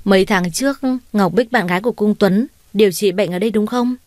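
A woman voicing a scheming young woman who turns cold and sharp, in an audio story with a dry, close sound. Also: mid-range voice, a little fast, no room sound, natural voice. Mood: coaxing. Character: scheming proud young woman, quick to anger.

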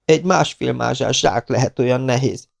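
A man's voice: medium pitch, vocal fry, voice pushed up. A man voicing a beaten young man who pleads and groans as he tells what happened, in an audiobook reading. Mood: pleading. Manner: breathless, pleading.

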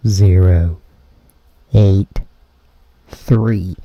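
A low, gravelly man on a phone call sounds muffled, as though through a wall. His slow, halting delivery keeps circling back over the same words in a dark, rough tone. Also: steady tone. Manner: slow, halting, spells and repeats himself. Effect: muffled, as if heard through a wall. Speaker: caller.

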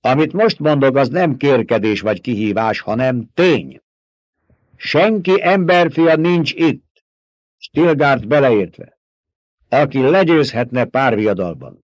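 A man reading an audiobook, voicing a young rebel leader who challenges a crowd with forceful rhetorical questions. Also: mid-range voice, expressive, no echo, voice pushed up, natural voice. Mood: commanding. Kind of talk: audiobook character voice.

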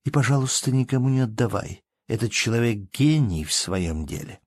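A man voicing a playful, elegant young baroness who chatters briskly, in a read-aloud story. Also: mid-range voice, lively intonation, lightly acted.

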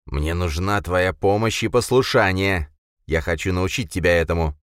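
A man voicing a cold male villain who speaks calmly, with command and scorn. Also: low-pitched, normal speed, clear, resonant tone, no echo, studio quality, lightly acted. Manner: calm, cold and mocking.

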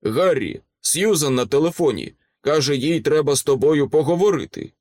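Patient knight in an audiobook voiced by a man, mild hesitant talk, lively pitch, dry sound. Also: normal speed, dry recording, natural voice. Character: calm, patient grown man, a knight on the phone.

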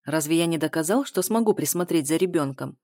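A woman voicing a confident, persistent man who speaks calmly and insistently in an audiobook. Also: low-pitched, brisk, no room sound, studio quality, lightly acted. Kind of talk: audiobook dialogue reading.

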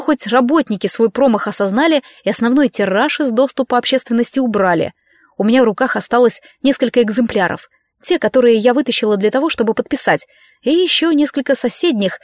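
A woman reading a first-person fantasy novel aloud, in a lively manner, raising her voice for the other characters. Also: no room sound, studio quality. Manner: reads lively, voicing other characters with a raised pitch. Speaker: audiobook narrator.

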